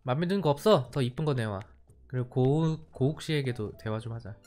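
Soft music plays behind a young man streaming a cozy life game, tossing off casual, playful reactions to his viewers; he's from Korea's standard-Korean-speaking region. His medium-pitched voice is a little mellow and fairly quick.

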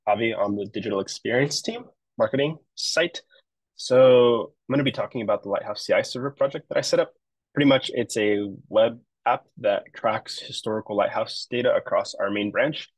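A man's voice: on the low side, moderate pace, breathy edge, no echo, poor audio. Casual man giving a screen-share walkthrough. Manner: casual, explanatory, with frequent fillers. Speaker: web developer.

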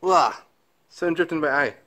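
A man's voice: on the high side, lively intonation, moderate pace, background noise. A man casually narrating a walking vlog while exploring woods and caves, exclaiming at what he finds. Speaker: vlogger. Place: woodland outdoors and inside a cave. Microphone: handheld camera mic.

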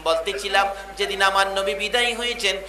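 Melodic, shouting preacher with bright voice, echoey sound. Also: male voice, flat delivery. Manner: swings from chanted, drawn-out shouts to low storytelling, voicing the figures himself. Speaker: preacher at a religious gathering. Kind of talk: sung and shouted Bengali waz sermon. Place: outdoor religious gathering with a public address system.

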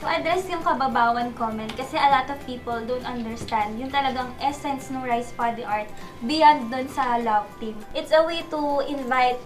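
A woman's voice: high voice, moderate pace, soft background music. A woman in her early twenties with a Filipino accent, a communication specialist speaking Tagalog and English. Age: 20s.

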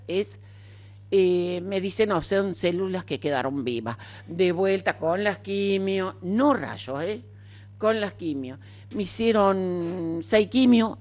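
An older woman with an Argentine Spanish accent and a lowish, darkish voice tells her own story as a cancer survivor in an interview. She speaks frankly and chattily, in a casual storytelling way, with plenty of fillers.

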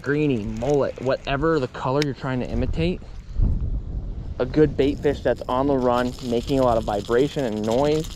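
A man on a boat explaining fishing lures in a relaxed, casual way, often saying "man", recorded on a body-worn action camera outdoors. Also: mid-range voice. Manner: laid-back, says "man" often. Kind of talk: casual outdoor how-to talk. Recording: outdoor camera audio with steady noise.

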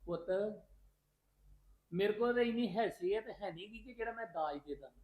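An actor plays a calm, dignified middle-aged father who explains himself in measured speech. The voice sits at a middling pitch and the room sounds echoey. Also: lightly acted. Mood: earnest. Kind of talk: amateur family drama acting.

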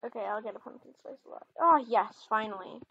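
Brisk and creaky at a medium pitch, a mother hosts a gaming video, chatting casually in role-play as she plays alongside her daughter. The sound is muffled, with slight background noise.

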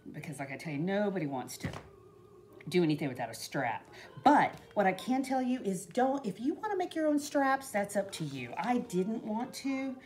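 A woman's voice: mid-range voice, very animated, normal speed, a little mellow, soft background music. A middle-aged woman, chatting in a rambling way while she shows a craft project at home, with lots of "you know". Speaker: craft vlogger. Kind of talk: casual crafting demo talk. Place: indoors at a craft table in a home.

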